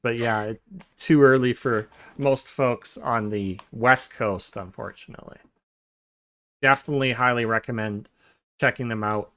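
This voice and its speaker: A man hosting a podcast in a relaxed, casual chat, pausing often with filler sounds and restarting sentences. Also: mid-range voice. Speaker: podcast host.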